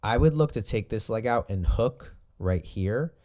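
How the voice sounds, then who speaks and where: A man's voice: lowish voice, animated, a little slow, darkish tone. A man in casual commentary, coaching jiu-jitsu as he breaks down sparring footage, easygoing and rambling, often correcting himself.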